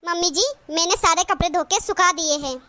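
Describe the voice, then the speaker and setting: A woman's voice: extremely high pitch, a little fast, bright, forceful tone, pitched below the performer's own voice. Woman doing a defiant, overworked cartoon daughter-in-law. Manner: argumentative, complaining back.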